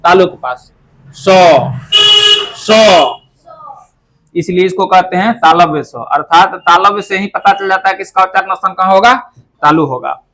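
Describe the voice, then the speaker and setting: A man teaching a Sanskrit pronunciation lesson, explaining step by step, asking questions and answering them himself, and saying each sound slowly to demonstrate it. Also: high-pitched, fairly bright tone.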